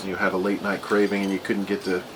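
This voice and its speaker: A man's voice: deep voice, completely flat delivery, fast. A man giving a casual taste-test review as host, rambling and thinking aloud. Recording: clearly noisy room ambience.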